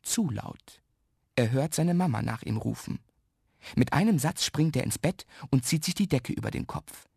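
A man narrating a children's radio story with lively, expressive storytelling. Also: medium pitch, normal speed, vocal fry, slightly rough, no echo, studio quality.

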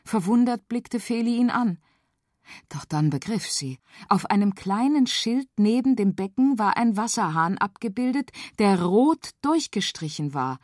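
A woman narrating a children's radio story with expressive, animated reading, recorded in a studio. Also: mid-range voice, a little slow, no echo.

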